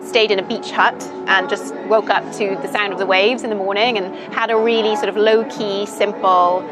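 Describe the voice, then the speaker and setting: A young British woman, a guest in a casual interview, chats thoughtfully over music playing underneath. Her medium-pitched voice is steady in tone and normal in speed, sprinkled with many "ums" and "you knows."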